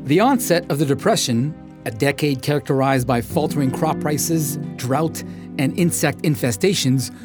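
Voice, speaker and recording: Man, documentary narrator, scripted, slightly high pitch, quiet music behind. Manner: measured, formal delivery.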